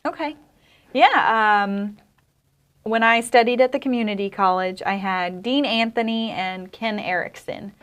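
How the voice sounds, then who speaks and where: A woman talks about her training as an interview guest. Her delivery is thoughtful and measured, and her voice sits in a middle register. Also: medium pitch, fairly bright tone, smooth. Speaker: interview guest, stage actor and costumer. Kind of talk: casual interview chat.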